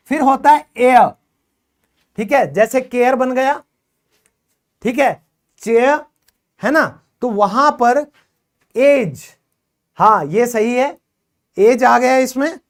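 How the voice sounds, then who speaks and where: Slow, encouraging male English teacher. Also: very high-pitched. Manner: encouraging, quizzing students; explains in Hindi with English words. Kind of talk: classroom phonics lesson.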